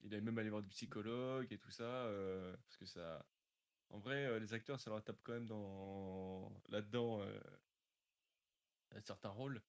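A man's voice: fairly low pitch, steady tone, a little slow, clean tone. A young man, a sound engineer, answering interview questions casually, thinking aloud with lots of hesitation.

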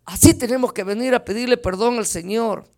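A man with a strikingly high voice delivers an impassioned evangelical sermon. He leans on his listeners as brothers, shouting out declarations and then dropping low for quieter asides as he weaves in his own testimony. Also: brisk. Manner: fervent, swings between loud declarations and soft asides; keeps addressing listeners as brothers. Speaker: lay preacher.

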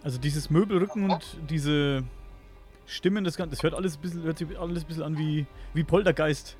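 A man's voice: on the high side, brisk, a little mellow, faint music behind. A man interviewing a guest, asking curious, probing follow-up questions in a casual way.

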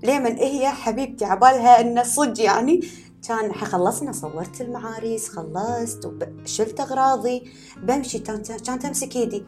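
A woman with a Gulf Arabic accent tells her stories at a quick clip, her voice sitting a little high. She talks casually and with animation, like a podcast guest. Faint music plays behind her. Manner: animated storyteller, laughs often. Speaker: guest, wedding and event photographer.

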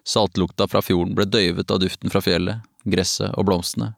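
A man narrating a novel in the first person, calm and even, as an audiobook. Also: low voice, creaky, dry recording, clean studio sound.

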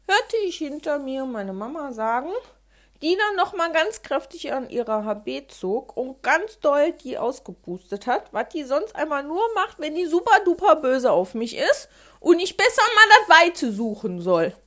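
A woman telling a childhood story in a chatty, colloquial manner. Her voice sits high and moves lively up and down in pitch. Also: normal speed.

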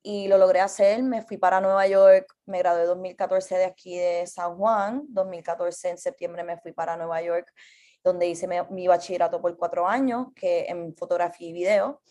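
A young Puerto Rican woman in her twenties speaks as a guest on a podcast. Her voice sits slightly low, and she talks easily and relaxed, mixing two languages in the same sentence. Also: normal speed. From Puerto Rico. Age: 20s. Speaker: guest artist. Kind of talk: casual podcast interview.

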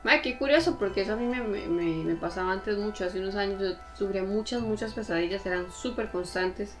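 A woman with a Costa Rican Spanish accent tells stories with energy and an animated, expressive delivery. Her pitch stays at a middle level. Faint music plays quietly behind her. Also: brisk. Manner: lively, animated storytelling. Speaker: podcast co-host. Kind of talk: casual chat.

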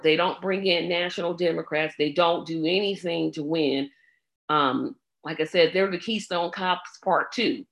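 Slow, low-voiced woman with scratchy throat. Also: fairly bright tone. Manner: blunt, exasperated, many ums. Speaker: political commentator. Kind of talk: casual election-night commentary.

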